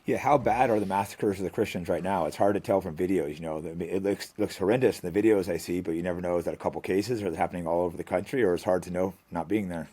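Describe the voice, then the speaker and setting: Deep, quick-talking male podcast host. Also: dark tone, husky. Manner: casual, agreeable, quick interjections. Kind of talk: conversational podcast interview.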